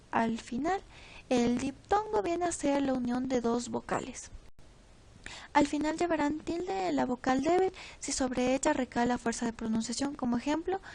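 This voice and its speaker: Teen girl, high voice, student presenter, reads notes, pauses and slips. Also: gravelly, darkish tone, low-quality recording. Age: teens. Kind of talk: reading a class presentation.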